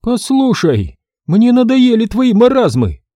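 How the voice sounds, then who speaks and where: A male reader voices a rude, indignant brunette woman. She scolds in a high, piercing voice that leaps around wildly. The sound is close and completely dry. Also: very animated, normal speed, warm tone, dry recording. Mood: scolding. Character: stately brunette woman, shrill, rude, quarrelsome.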